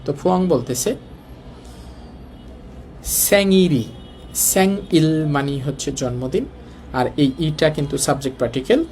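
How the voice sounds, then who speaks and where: A man's voice: medium pitch, lively intonation, brisk, a little mellow, a little hiss or hum. A man with a colloquial Dhaka Bengali accent teaching a Korean lesson, explaining step by step and asking the class rhetorical questions. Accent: Bangladeshi Bengali, colloquial Dhaka speech.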